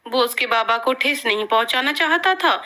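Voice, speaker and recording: A woman narrating a scripted story with steady, clear storytelling. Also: a little high, normal speed.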